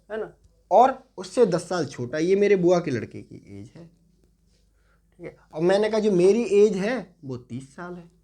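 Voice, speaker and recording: Young guy teaching reasoning, real slow, mellow voice, hindi mixed w english, keeps repeating words. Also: high-pitched. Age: 20s. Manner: slow, repeats words while writing on a board; mixes English into Hindi, many tag questions. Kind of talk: exam-prep lesson.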